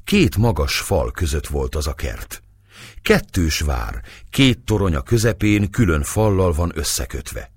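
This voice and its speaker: Kifejező regényfelolvasó férfi, száraz stúdióhang. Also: male voice, sits low, husky, no echo, studio quality. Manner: expressive storytelling. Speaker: audiobook narrator. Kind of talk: scripted narration of a novel.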